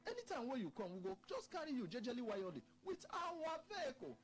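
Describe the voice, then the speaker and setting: A woman with a Nigerian Pidgin accent giving a persuasive, emphatic radio sales pitch, repeating herself to press the point. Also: sing-song, brisk, noisy background. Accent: Nigerian Pidgin, Port Harcourt area. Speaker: estate sales presenter.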